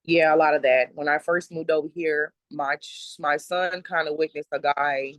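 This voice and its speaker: A woman from South Dallas, answering interview questions in a soft-spoken, plain, halting way. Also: low voice, fairly even intonation, no echo. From South Dallas, Texas. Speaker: interviewee, mother. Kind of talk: personal interview.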